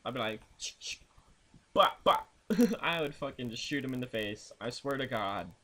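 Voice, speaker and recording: A man's voice: medium pitch, expressive, fairly quick, a bit bright. A young man in a video blog, ranting crudely and swearing constantly while telling road trip stories. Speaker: vlogger. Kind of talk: profane ranting vlog.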